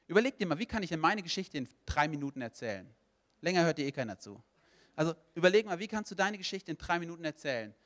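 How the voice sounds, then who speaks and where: A man's voice: a little high, a bit bright. A man from Germany preaching a sermon, talking straight to his listeners with strong emphasis that rises and falls. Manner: emphatic, rising and falling with stress, direct address to listeners. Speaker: pastor.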